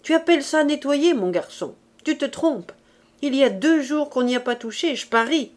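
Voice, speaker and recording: A woman voicing a domineering, quick-tempered mother in a French audiobook, with indignant, shrill outbursts. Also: very animated, darkish tone. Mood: scolding. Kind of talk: audiobook reading.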